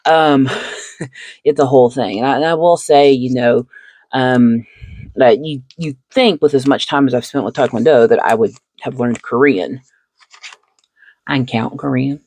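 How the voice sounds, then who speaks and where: Seated and handling cards as she sleeves them, this host talks in an extremely low, a little mellow voice, unhurried and with long pauses. Her chat is reflective and friendly, broken up by frequent laughter, with no echo in the audio.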